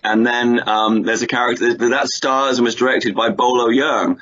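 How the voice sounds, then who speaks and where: A middle-aged Englishman, a film writer and producer, chats and tells anecdotes as a guest on a radio interview. His voice is medium-pitched, fairly bright and fairly even at normal speed, and the recording sounds dull and lo-fi with clear background noise.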